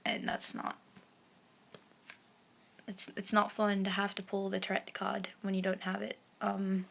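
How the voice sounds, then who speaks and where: A young woman vlogs frankly and casually about her own experience, stuttering and repeating words because of a speech impediment, with lots of fillers and swearing. Her mid-range voice is gravelly and a bit bright, with completely flat delivery at a slightly slow pace and slight background noise.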